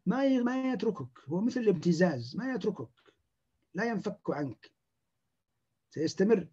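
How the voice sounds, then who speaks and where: A man, a clinician giving a lecture, talking in an animated way and acting out the words of patients. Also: sits high, normal speed, husky, muffled recording.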